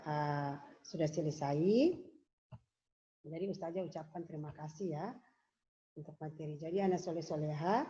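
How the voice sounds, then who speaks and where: Warm-voiced woman teacher, patient. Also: fairly low pitch. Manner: patient, repetitive explaining with many fillers. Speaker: religious school teacher. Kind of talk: recorded lesson for young pupils. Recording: dull lo-fi home video audio.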